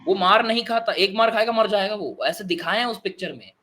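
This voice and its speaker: A young man telling movie stories in an animated, excitable way in casual chat, mixing in English phrases. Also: sits high, fairly quick. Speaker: guest.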